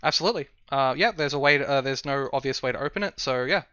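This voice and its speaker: A man acting as game master, narrating a tabletop role-playing game in a halting way as he improvises descriptions. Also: medium pitch, bright, forceful tone, clear, resonant tone, dry recording, highs cut off.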